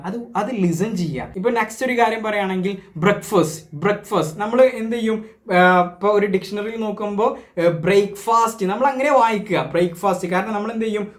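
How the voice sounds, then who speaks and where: A man with a Malayali accent teaching English pronunciation, who keeps asking and answering his own questions and mixes English words into his talk. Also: sits high. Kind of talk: spoken lesson to camera.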